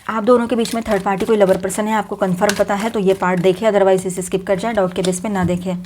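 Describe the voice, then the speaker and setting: A woman's voice: mid-range voice, little pitch movement, fast talker, a little mellow, a little hiss or hum. A woman reading tarot cards straight to her viewers in a casual, conversational way, mixing in English words and often restarting sentences. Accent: Hindi. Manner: conversational, mixes English words into Hindi, many fillers and restarts. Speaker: tarot reader.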